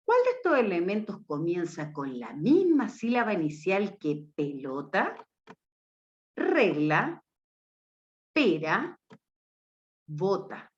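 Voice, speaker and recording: Woman, teacher, children's phonics lesson, slow, emphatic, lo-fi sound. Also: lowish voice, huge pitch swings. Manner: slow, emphatic, rises for praise and cues. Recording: dull lo-fi sound.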